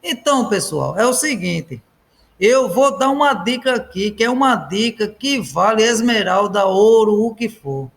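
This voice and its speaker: A man's voice: sits high, animated, unhurried, vocal fry. A man teaching a grammar lesson, repeating each point and checking in with his students. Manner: keeps checking in with "ok?" and "pessoal".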